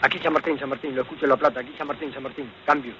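A man answers on a two-way police radio as the receiving operator, polite and deferential, asking for messages to be repeated. He speaks in quick bursts. Clear static and noise run through the radio transmission. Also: medium pitch, steady tone, lo-fi sound. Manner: deferential, asks for repeats, acknowledges with "cambio".

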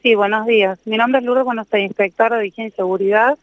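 Smooth high-voiced woman. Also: steady tone, fast talker, dry recording. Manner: hesitant, trailing restarts. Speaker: safety inspector. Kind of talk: interview answers. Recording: dull muffled sound.

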